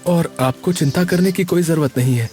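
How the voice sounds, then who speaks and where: Man doing a high-voiced timid young cartoon man, dark mellow tone, faint music. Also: moderate pace, close to an everyday voice. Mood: pleading. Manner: pleading, soft-spoken. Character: gentle, timid young man, devoted to adoptive mother.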